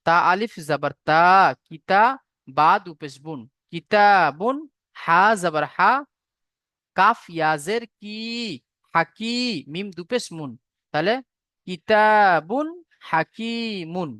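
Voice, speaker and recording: A man's voice: fairly high pitch, takes it slowly, long pauses, bright, forceful tone, no room sound. A man teaching Quran recitation in an online class, patiently repeating and spelling out syllables. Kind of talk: online tajweed class lecture.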